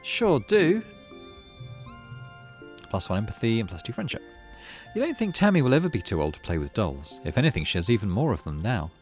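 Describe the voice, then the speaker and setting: His voice sits on the low side and swings widely in pitch as he talks fast. Faint music plays behind this gaming host while he reads game text and chats casually through his let's play.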